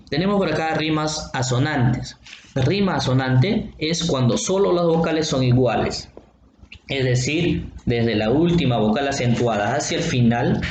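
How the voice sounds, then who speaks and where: A man teaching a recorded lesson, patient and explanatory, often checking in with his listeners and sounding out words slowly syllable by syllable. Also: mid-range voice, slight background noise. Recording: roomy, dull lo-fi sound with faint ambience.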